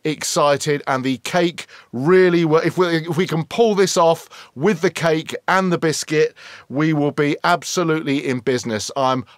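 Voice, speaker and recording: Man putting on a halting English parody football news presenter. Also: fairly high pitch, no room sound, studio quality, close to an everyday voice. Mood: earnest, buzzing. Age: middle-aged. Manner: repetitive, halting, starts upbeat and tails off. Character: earnest, excitable male football news pundit, endlessly buzzing. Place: small room at home, indoors.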